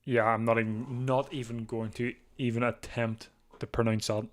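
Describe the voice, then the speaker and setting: A man talks through a race on a live stream, slightly hoarse, with a middle-pitched voice. He rambles loosely, stumbles over repeated words and clears his throat now and then, close to a desk mic at home. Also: little pitch movement, moderate pace. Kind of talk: casual live race watchalong commentary.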